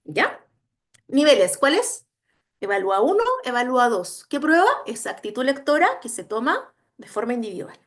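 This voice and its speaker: A woman's voice: on the high side, sing-song, moderate pace. A woman giving an instructional lecture on educational assessment, emphatic and often checking that listeners follow. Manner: emphatic, checks understanding with frequent tag questions. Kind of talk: online training lecture.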